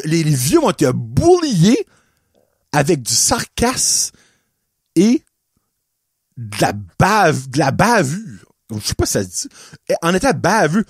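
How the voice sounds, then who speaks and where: A man's voice: high-pitched, no echo, studio quality. A man with an Acadian French accent, hosting a podcast and telling a story as a heated, profane rant that jumps between French and English. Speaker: podcast host. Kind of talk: ranting monologue.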